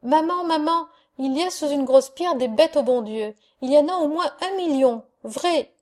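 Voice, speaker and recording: Femme jouant un petit garçon curieux. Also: female voice, sits high, animated, a little slow, mellow. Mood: excited. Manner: eager questioning. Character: small curious chatty boy.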